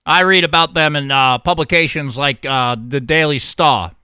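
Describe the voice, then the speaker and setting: A man's voice: on the high side, moderate pace, sharp tone, smooth, no echo, studio quality. A man giving sardonic commentary, reading news excerpts and mocking them with laughter. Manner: mocking, laughs at his own jokes; reads news excerpts, then riffs on them. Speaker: political commentator.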